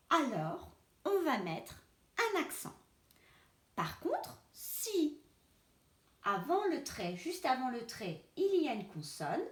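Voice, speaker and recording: A woman's voice: high voice, reverberant. A woman teacher giving a spelling lesson to children, patiently sounding out words syllable by syllable. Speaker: primary school teacher.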